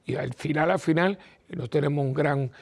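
A man's voice: fairly high pitch, moderate pace. A man, a priest hosting his own program, telling personal family stories in a rambling, chatty way and acting out the dialogue. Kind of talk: casual storytelling talk.

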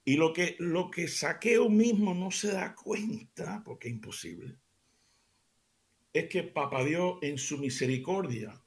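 Middle-aged male radio preacher, slightly high voice with heavy gravel, animated storyteller with hushed asides. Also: a little slow. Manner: animated, dramatic storyteller who drops to soft near-whispers for emphasis.

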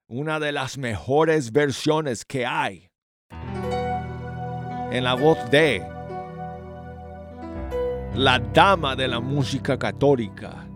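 Chatty guy hosting radio, talks slow and a bit mushy with braces, dry studio sound, faint music behind. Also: medium pitch, dry recording. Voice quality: slightly slurred articulation from dental braces. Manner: chatty, self-deprecating, effortful articulation. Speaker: radio host. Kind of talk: casual music show presenting.

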